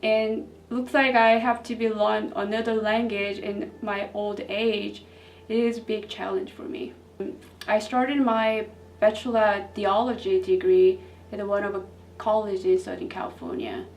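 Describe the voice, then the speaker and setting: Brief: Korean woman, non-native English, earnest interview voice, mid pitch, mic set back with light hiss. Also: little pitch movement, measured pace, a little mellow. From South Korea. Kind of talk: interview testimony. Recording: distant mic with faint noise.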